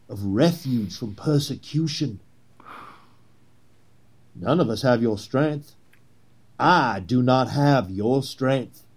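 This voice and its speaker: In an 1860s period drama, a man with a mid-range, slightly mellow and somewhat rough voice acts as a grandiose Confederate conspiracy leader. He persuades through theatrical, pleading speech punctuated by emphatic pauses.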